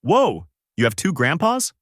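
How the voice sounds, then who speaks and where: A man voicing a naive, cheerful strong boy in a fan-made story, speaking loudly and guilelessly in a raised voice. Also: big pitch swings, normal speed, no room sound, studio quality. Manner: raised pitch, loud and guileless.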